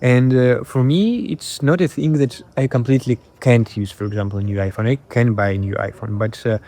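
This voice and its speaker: A man from Belarus with a Belarusian accent talks casually to camera as a creator, pausing and repeating phrases while he searches for words. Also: medium pitch, fairly even intonation, warm tone. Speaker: video creator and host.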